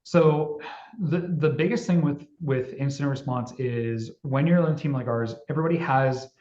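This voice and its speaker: A man's voice: mid-range voice, normal speed, a little mellow. A man on a webinar panel, candidly explaining his city's response, often restarting and searching for words over a video call. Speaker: municipal IT panelist. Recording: echoey, dull video call audio.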